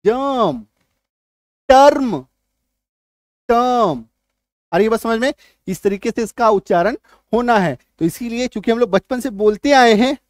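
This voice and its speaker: A man's voice: very high voice, no room sound, studio quality. A man teaching an English spelling and pronunciation lesson, repeating key words and quizzing the viewer.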